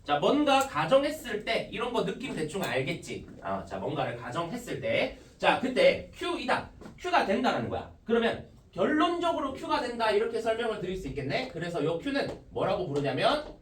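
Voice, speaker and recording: A man's voice: high voice, wildly swooping pitch, moderate pace, a little hiss or hum. A male math teacher giving a classroom lecture, explaining step by step and opening nearly every phrase with a short "ja". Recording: echoey classroom, mic from a distance.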